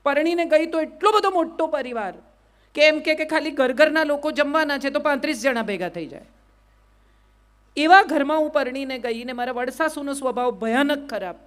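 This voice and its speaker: Brief: middle-aged Gujarati woman, high voice, motivational speaker, quizzes the crowd. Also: animated, normal speed. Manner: asks the crowd rhetorical questions, repeats "yes or no". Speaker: public speaker. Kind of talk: motivational speech to a live audience.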